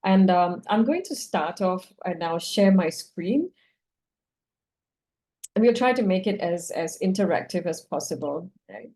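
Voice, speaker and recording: A woman's voice: lowish voice, lively intonation, a little slow, mellow. A woman from Singapore giving a conversational online presentation over a video call, laughing often. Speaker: roundtable speaker.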